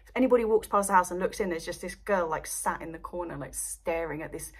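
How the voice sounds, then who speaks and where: A woman's voice: on the low side, fast, breathy edge. A young Englishwoman chatting casually to camera at home about her allotment, rambling and laughing often. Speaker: allotment vlogger. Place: indoors at home by seedling light box.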